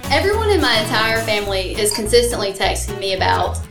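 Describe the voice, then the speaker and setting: A woman from Mississippi co-hosting a podcast in casual chat over drinks, playful and quick to laugh. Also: medium pitch, sing-song, vocal fry, over music. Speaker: podcast co-host.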